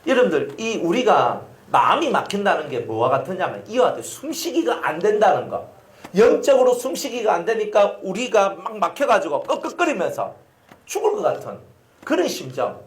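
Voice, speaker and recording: Gyeongsang pastor preaching, fairly high voice, bouncy, asks the congregation stuff, echoey hall. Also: male voice, moderate pace. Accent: Gyeongsang Korean. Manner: animated storytelling with sound effects and questions to the congregation. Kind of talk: sermon. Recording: roomy echoing hall.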